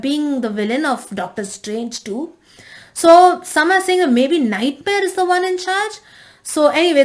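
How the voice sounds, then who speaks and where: High-voiced woman rambling through a recap. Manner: rambling recap with frequent restarts and fillers. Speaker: TV reviewer. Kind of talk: casual spoiler review recap.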